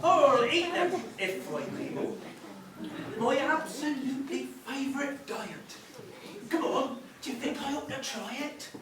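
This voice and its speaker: A woman playing Goldilocks as a cheeky, excitable pantomime girl, hamming it up for the audience in broad stage style. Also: sits high, unhurried, crowd noise. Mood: hammy. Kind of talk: stage pantomime acting with audience back-and-forth. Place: theatre stage, distant mic. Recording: echoey theatre from far off, music and audience. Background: music and audience noise.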